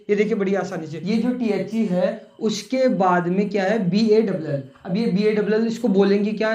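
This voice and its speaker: A man's voice: high-pitched, a little mellow. A male online English teacher patiently explaining a grammar rule to viewers, repeating each point and asking rhetorical questions. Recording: echoey room.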